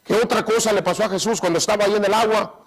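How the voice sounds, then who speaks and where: A man preaching a sermon in a church, repeatedly asking the congregation to say amen and swinging between loud raised phrases and low asides. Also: fairly even intonation, racing, low-quality recording. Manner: call-and-response, repeating "¿cuántos dicen amén?" and "hermanos"; restarts and repeats phrases often.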